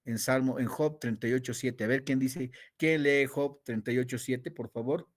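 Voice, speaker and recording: A man's voice: mid-range voice, fairly even intonation. Man lecturing a Bible class. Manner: repeats key words, stretches them slowly for emphasis, quizzes the class. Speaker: Bible teacher.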